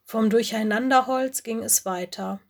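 A woman reading a children's story aloud as narrator, in calm, clear scripted storytelling. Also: a little high, unhurried.

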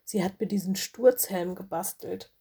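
Woman putting on croaky, whiny baby owl, soft husky tone, storybook. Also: medium pitch, moderate pace. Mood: pleading. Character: small sick male owl chick, clingy and whiny.

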